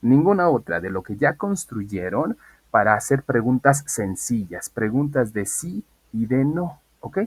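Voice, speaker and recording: A man's voice: mid-range voice, sing-song, measured pace, breathy edge, dry recording. A man teaching an English class online, explaining patiently and asking students questions.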